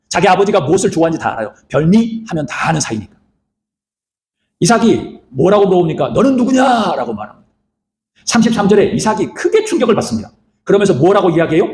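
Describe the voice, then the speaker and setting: A man's voice: a little high, roomy sound, slight background noise. A male pastor preaching a sermon, retelling scripture and asking rhetorical questions. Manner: animated, rhetorical questions, acts out quoted lines.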